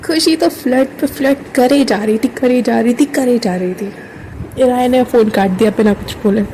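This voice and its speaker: A woman's voice: on the high side, moderate pace, mellow, slight background noise, low-quality recording. A woman narrating a love story in a chatty, conversational way. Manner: chatty, conversational telling with English words mixed in.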